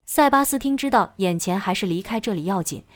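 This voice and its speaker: A woman narrating a novel chapter as an audiobook in steady, even storytelling. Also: mid-range voice, a little fast, no room sound, clean studio sound.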